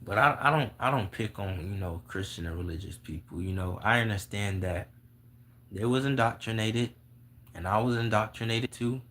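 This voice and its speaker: A man's voice: lowish voice, moderate pace, a bit bright. A young man talking casually and bluntly about spirituality to viewers, swearing freely and laughing often. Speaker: vlogger answering viewer questions.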